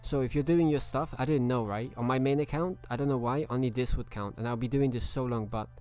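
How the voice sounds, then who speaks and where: A man's voice: medium pitch, a little fast, a little mellow, soft background music. A man streaming a video game live, chatting casually and greeting viewers by name.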